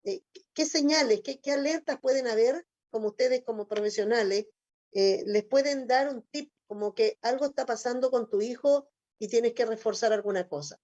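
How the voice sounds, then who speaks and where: A Chilean woman pastor hosts a church talk program, her fairly high voice mellow in tone. She speaks haltingly with frequent restarts while putting questions to her guests. The recording sounds dry and slightly muffled. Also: no room sound. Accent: Chilean Spanish. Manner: hesitant, many restarts, greets viewers. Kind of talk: church talk show hosting.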